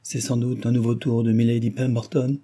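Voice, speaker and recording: A man's voice: medium pitch, level tone, fairly quick, dark tone, close to an everyday voice. A man voicing a proud young woman who answers with firm indignation and reproach. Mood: reproachful.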